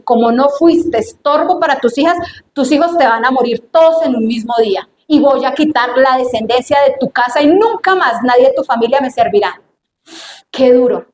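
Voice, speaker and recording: A woman preaches to a congregation in a high, slightly mellow voice, drawing out her words emphatically and tossing questions to the listeners. The room is echoey, with faint noise.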